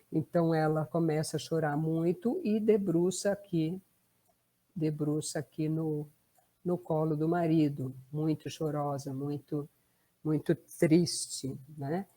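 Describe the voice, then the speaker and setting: Mellow-voiced Brazilian therapist woman. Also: deep voice, a little slow. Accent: Brazilian Portuguese. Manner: conversational, tag questions. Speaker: family constellation therapist. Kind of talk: explanatory talk.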